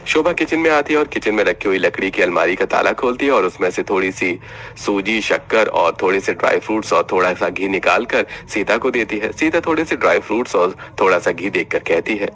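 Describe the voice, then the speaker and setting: A man narrating an animated family story in steady scripted storytelling. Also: deep voice, a little fast.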